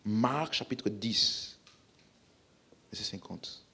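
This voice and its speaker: A man's voice: fairly low pitch, drawn-out words, vocal fry, bright, forceful tone, husky. A man with a French accent preaching a healing-service sermon, emphatically calling out questions to the congregation.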